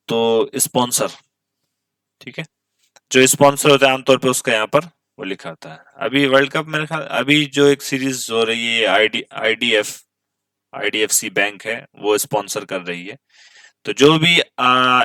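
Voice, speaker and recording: A man, an English teacher reading English phrases slowly and explaining them in Urdu, repeating words and asking his class questions. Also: mid-range voice, sharp tone, clean tone, no echo, clean studio sound. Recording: voice from a distance from the mic.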